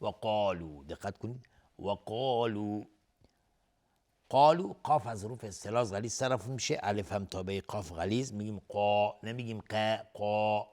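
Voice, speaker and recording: A man's voice: lowish voice, animated. Male tajweed teacher explaining rules. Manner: explains rules plainly, then chants verses slowly and louder. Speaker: Quran recitation teacher. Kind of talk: tajweed lesson with chanted recitation.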